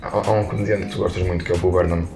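Deep, gravelly Portuguese interviewer. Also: male voice, little pitch movement, racing. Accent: European Portuguese. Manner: asks long framed questions, brief agreements. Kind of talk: interview questions. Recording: roomy with music behind.

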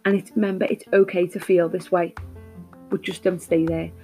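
A woman's voice: on the low side, level tone, moderate pace, darkish tone, faint music behind. A woman hosting an advice episode, talking to listeners in an upbeat, encouraging way as she sets out tidy tips. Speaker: podcast host.

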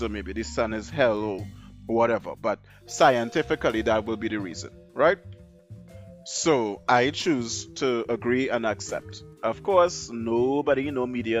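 A man delivers a blunt, opinionated solo podcast rant that wanders from point to point. His voice sits at an ordinary middle pitch. The audio is dull and lo-fi, with faint music underneath. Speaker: podcast host.

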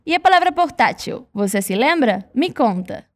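Speaking in a high, sing-song voice, a Brazilian woman leads a scripted lesson on Spanish pronunciation, slowly saying model words for repetition.

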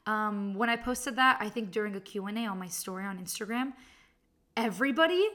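Brisk and bright, with a pushed delivery at medium pitch, this twenty-something podcast host talks casually on her own show. She's chatty and self-deprecating, laughing frequently and scattering likes and ums throughout.

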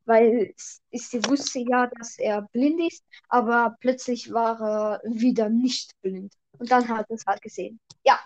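A woman's voice: on the high side, fairly even intonation, a little slow, darkish tone, slight background noise. A woman hosting a casual podcast, telling jokes eagerly and explaining her punchlines, heard through a lo-fi mic with a slightly robotic echo. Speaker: podcast host. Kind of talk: casual joke-telling chat.

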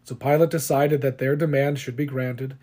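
A man giving a measured, solemn scripture reading, unhurried and steady. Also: mid-range voice. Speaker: scripture reader.

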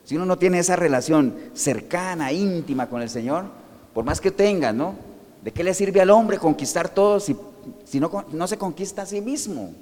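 A man's voice: high-pitched, lively intonation, moderate pace, darkish tone, long reverb tail. A man preaching a sermon, asking the congregation questions and answering them himself.

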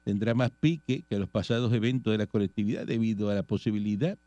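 A Puerto Rican man with a Puerto Rican Spanish accent hosts a casual radio talk show, reading political news and commenting on it conversationally. His lowish voice has a dark tone, and he talks fast. The recording has no echo.

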